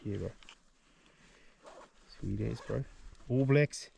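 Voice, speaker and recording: A man with a gravelly, husky voice, chatting in a matey way. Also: mid-range voice, slow, darkish tone. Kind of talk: casual chat.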